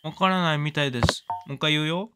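A man doing casual let's-play commentary, excitable, exclaiming often and cooing at the pet. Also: on the high side, fast, very noisy. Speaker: game commentator.

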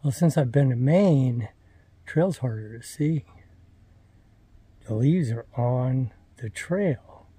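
Holding a phone or camera at arm's length, an older thru-hiker vlogger in his sixties chats on a forest trail and inside a wooden hostel room. He's unhurried and rambling, full of fillers and restarts, with a medium-pitched, animated, mellow voice carrying a breathy edge. The sound is dry and close.

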